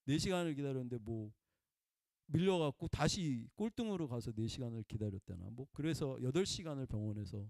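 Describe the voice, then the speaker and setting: A man preaching a conversational sermon in a folksy way, prompting listeners with "eh?" and swinging between loud emphatic bursts and quiet murmurs. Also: medium pitch, animated, fairly quick, gravelly, no room sound, studio quality. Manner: folksy, peppers talk with prompting "eh?" to the congregation.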